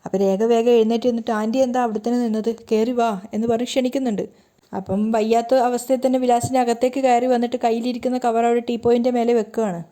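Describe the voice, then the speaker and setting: Fast-talking woman narrating. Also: fairly high pitch, little pitch movement, dark tone. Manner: voices the characters' quoted lines herself. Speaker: serial recap narrator. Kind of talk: fast storytelling recap of a TV serial.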